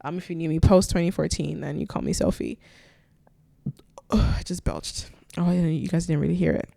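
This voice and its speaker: A woman's voice: deep voice, fairly even intonation, moderate pace, creaky, mellow. A young woman from Nigeria hosting a solo podcast, chatting casually with playful, self-teasing asides. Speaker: podcast host.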